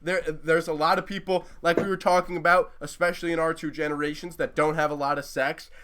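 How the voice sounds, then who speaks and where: 18 yr old dude going off on a long rant, lots of cursing, kinda high voice. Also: male voice, level tone, a little fast, a bit bright, a little hiss or hum. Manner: swears a lot, talks in long passionate run-on points. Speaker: podcast co-host. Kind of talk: casual podcast rant.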